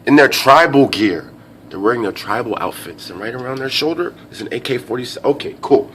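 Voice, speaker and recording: A man giving a rambling, profane monologue that swings from low muttering to loud shouting, often repeating himself and restarting. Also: expressive, a little fast, slight background noise. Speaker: vlogger.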